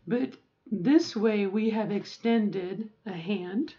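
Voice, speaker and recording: Woman, 40s, casual vlog advice, self-correcting and rambling, mid pitch, slightly muffled recording. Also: takes it slowly. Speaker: vlogger.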